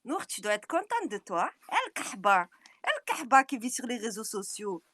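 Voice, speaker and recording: A woman on a furious, taunting rant, repeating her challenges and swinging between yelling and low, menacing mutters. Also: very animated, moderate pace, dry recording. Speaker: social media personality. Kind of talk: angry direct-to-camera rant.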